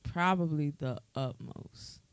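A woman with an American accent and a low-pitched voice speaks in a casual group discussion. She is candid and puts firm emphasis on her points, in a dry, close sound. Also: takes it slowly, clear, resonant tone, no echo.

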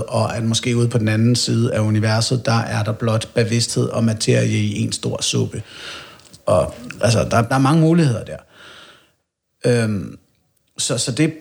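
Podcast host, male, gravelly, explanatory with a light teasing edge. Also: medium pitch, darkish tone. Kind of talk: casual podcast conversation.

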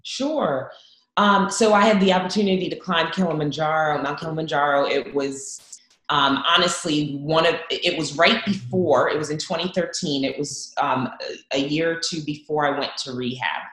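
A woman's voice: low-pitched, normal speed, fairly bright tone. A woman born in Zambia, a guest giving an earnest, open faith testimony with frequent restarts. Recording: roomy echo.

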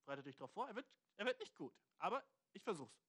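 A young man doing a comedy rant, slangy and loose, throwing in 'dude' constantly and jumping up in pitch for emphasis. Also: quick pace, husky. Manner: slangy, loose, full of 'Dude' and 'weißt du'; animated, jumps into high pitch for emphasis.

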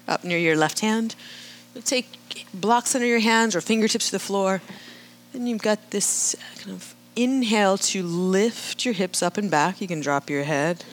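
A woman leading a live yoga class, calmly cueing breath and movement and often checking in with "right?". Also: medium pitch, slight background noise. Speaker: yoga instructor.

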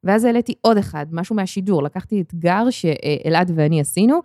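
Brief: lively podcast co-host woman, dry close-mic sound. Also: fairly low pitch, no room sound. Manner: lively, animated storyteller. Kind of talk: casual chat.

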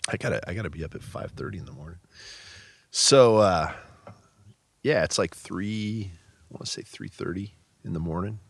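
A man's voice: sits low, normal speed, vocal fry, breathy edge, dry recording. A man in his fifties from the Pacific Northwest, a police patrol supervisor telling a story in a casual interview, in a blunt, profane, wry way. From Pacific Northwest, USA.

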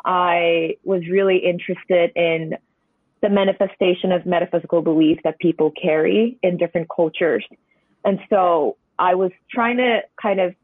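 This medium-pitched painter, in their twenties and from Hong Kong, speaks Cantonese as a first language. Heard over a tinny, dry phone line, they are a guest in a conversational podcast interview. Their manner is reflective and meandering, with many hedging asides.

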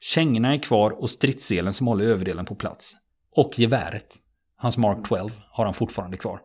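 A man with a fairly low, husky voice tells a true story to a listener in a podcast chat. His delivery is steady and matter-of-fact, moving through the account in plain, conversational sentences with frequent small hesitations.

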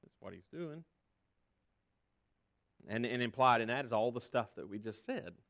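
A man's voice: medium pitch, expressive, normal speed, fairly bright tone. A man preaching a sermon as pastor, earnest and conversational, often restarting his phrases.

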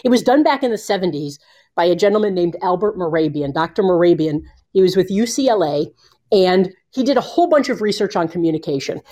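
Animated woman coaching on communication. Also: fairly low pitch, brisk. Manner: animated, expressive, shifting pace. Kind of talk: conversational interview. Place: at home.

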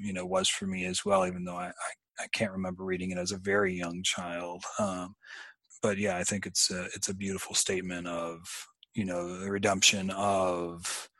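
Hesitant man with a low, dry voice. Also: sharp tone, no echo. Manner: halting, many fillers and restarts. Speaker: podcast co-host. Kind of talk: casual book discussion and scripted outro.

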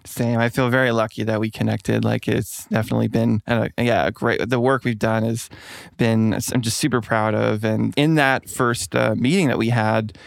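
Gravelly, flat-voiced man hosting. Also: mid-range voice, no room sound, clean studio sound. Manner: halting, many fillers, supportive. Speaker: podcast host and co-writer.

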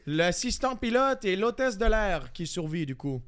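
A man's voice: sits high, very animated, normal speed, a bit bright, clear, resonant tone. A quebec man putting on a hammy france-french accent. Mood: mock-French joking. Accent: put-on France French. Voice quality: overdoes "du coup" and "putain".

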